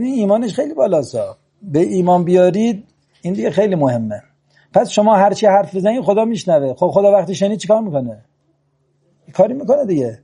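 A man preaching a religious lecture, slow and emphatic, reciting short Arabic verses. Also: sits high, warm tone, breathy edge.

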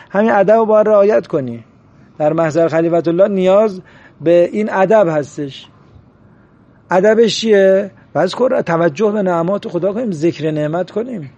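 A high-pitched, mellow-toned man preaches a sermon. He chants scripture slowly, then presses his listeners with rhetorical questions. The recording sounds dull and lo-fi. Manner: earnest, chants Quranic verses slowly, asks rhetorical questions.

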